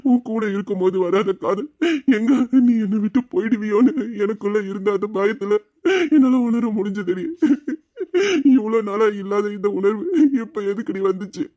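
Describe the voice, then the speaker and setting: A man's voice: high voice, warm tone, muffled recording, close to an everyday voice. A man playing a remorseful husband who sobs and pleads with his devoted wife in an audio drama, his voice breaking between laughter and tears.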